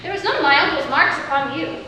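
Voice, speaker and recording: A woman's voice: sits high, expressive, quick pace, sharp tone. A woman on stage playing a witty, teasing young heroine disguised as a youth, declaiming playfully in Shakespearean style. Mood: teasing, mock scornful. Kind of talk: live Shakespeare stage acting. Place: stage performance, recorded from afar. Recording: distant, echoey stage recording with faint noise.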